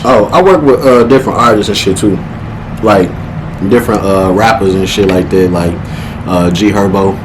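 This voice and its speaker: A man's voice: on the low side, moderate pace, noisy background. A man hosting a casual eating show, talking with his mouth busy in a playful, exaggerated, slangy and profane way. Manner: talks while eating. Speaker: vlogger hosting a mukbang.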